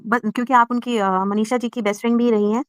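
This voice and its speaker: A woman's voice: a little high, fairly even intonation, fast talker, no room sound. A woman panelist on a live stream putting a question politely and a little hesitantly.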